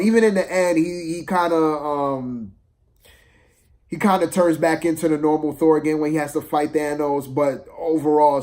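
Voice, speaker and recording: Here a man's slightly high, somewhat mellow voice carries a loose, unscripted film review rant. Exasperation and slang fill his delivery, and he haltingly repeats himself to drive points home.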